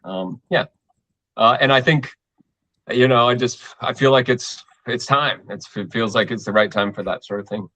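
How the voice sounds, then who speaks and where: A man's voice: mid-range voice, normal speed, bright, forceful tone, no echo. Stoked guy on a zoom call, mid voice, keeps restarting, dry mic. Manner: enthusiastic, rambling, many restarts. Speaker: community participant. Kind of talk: casual online meeting chat.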